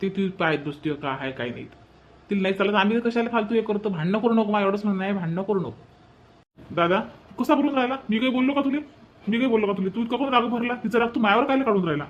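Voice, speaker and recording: A man's voice: high voice, fast, natural voice. A man doing a weary, henpecked village brother. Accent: Varhadi Marathi. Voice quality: pleading, exasperated. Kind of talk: cartoon voice acting. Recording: dull lo-fi recording.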